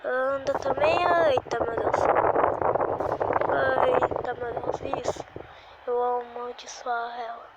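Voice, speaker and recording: A woman giving excitable, exclamatory live commentary while playing a game at home. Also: high voice, slow pace, long pauses, very noisy. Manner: excitable and exclamatory, constant little sighs and cries. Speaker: gaming video creator.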